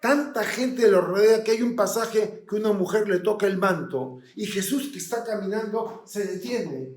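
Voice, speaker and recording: A male pastor preaches with vivid, dramatic storytelling. His slightly raised voice drops low and then climbs loud again. The sound rings in a roomy church hall. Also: moderate pace. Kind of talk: sermon.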